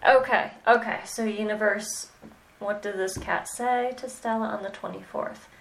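A woman mentoring a student in animal communication, talking slowly and hesitantly with many pauses and "okay"s. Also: medium pitch, steady tone, gravelly, poor audio. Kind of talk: mentoring session.

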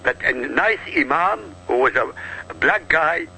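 A man's voice: a little high, lively intonation, measured pace, vocal fry, bright, forceful tone, slight background noise, rough recording. A man from Iraq giving emphatic, insistent political commentary as a talk show guest, driving his points home with rhetorical questions.

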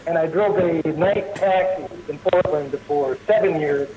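A man from New Jersey calls in to a talk show on a speakerphone that keeps breaking up, and he speaks haltingly with many fillers. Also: fairly high pitch. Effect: speakerphone call that breaks up. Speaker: caller. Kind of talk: phone-in call to a talk show. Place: rural home. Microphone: phone on speakerphone. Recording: tinny noisy speakerphone line.

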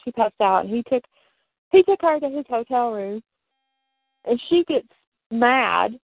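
A woman with a fairly high, gravelly voice chats from home as a podcast co-host, rambling through plot recaps with frequent giggles. The sound is thin and phone-like, dry and close. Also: animated, a little slow, no room sound. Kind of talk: casual chat about soap operas. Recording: tinny phone-like line, dry.

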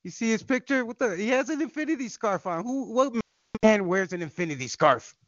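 A man's voice: high voice, lively intonation, a little fast, fairly bright tone, no room sound, dull audio. A man joking and mocking profanely on a casual online show.

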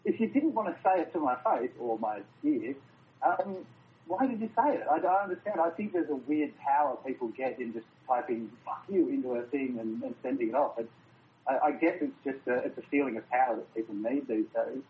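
A man's voice: medium pitch, lively intonation, fairly quick, darkish tone, a little hiss or hum, rough recording. An Australian man, a film director, chatting loosely as an interview guest and swearing freely. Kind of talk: casual interview chat.

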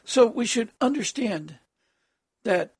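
Harsh, hoarse preacher with a gravelly rasp. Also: medium pitch, expressive, darkish tone, dry recording, studio quality. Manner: halting, with frequent throat clearing. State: hoarse, having trouble with voice, clearing throat. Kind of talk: extemporaneous sermon addressed as prayer.

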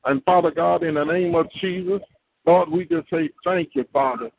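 A man's voice: fairly high pitch, normal speed, vocal fry, breathy edge. A man leading a fervent, rhythmic spoken prayer, repeating phrases and breaking into tongues. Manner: rhythmic repetitive praying with tongues. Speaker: prayer leader. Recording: tinny phone line.

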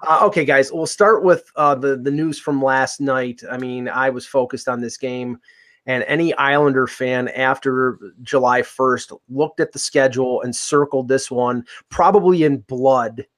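A man's voice: medium pitch, measured pace, fairly bright tone. Rambling man hosting a hockey podcast. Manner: rambling, many restarts and fillers. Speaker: podcast host. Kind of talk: casual sports podcast chat.

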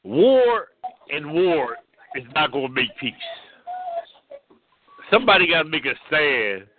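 A male radio caller heard over a narrow, tinny phone line. His voice sits a little high. He talks casually and stumbles over the starts of his sentences. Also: sing-song, a little hiss or hum. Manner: halting, repeats words when starting sentences. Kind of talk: casual call-in chat.

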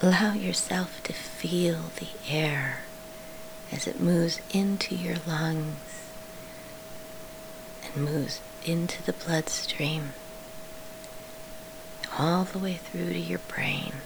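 Slow, soft whispering woman guiding sleep meditation. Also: lowish voice, steady tone, vocal fry, noisy background. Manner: soft, soothing spa-like whisper; slow, pausing between short phrases. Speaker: guided meditation leader.

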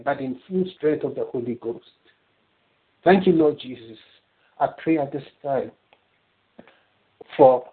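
A man's voice: fairly high pitch, husky. A man leading a fervent spoken prayer on a call. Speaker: prayer leader. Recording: tinny phone line.

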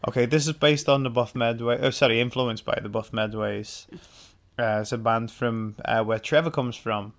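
A man's voice: medium pitch, fairly even intonation, normal speed, gravelly. A young English man co-hosting a podcast, patiently explaining music trivia in casual album commentary. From England. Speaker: podcast co-host.

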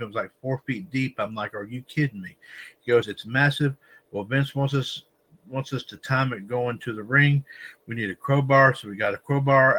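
A man hosting a wrestling news podcast, reading stories aloud with frequent stumbles and restarts and addressing listeners as ladies and gentlemen. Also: mid-range voice, low-quality recording. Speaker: podcast host.

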